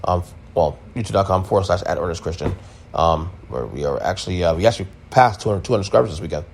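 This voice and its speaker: A man's voice: deep voice, expressive, fast, gravelly, slightly rough. A man hosting a sports podcast, giving a casual, emphatic recap with blunt opinions and repeated points. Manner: emphatic, opinionated, repeats himself, mild swearing.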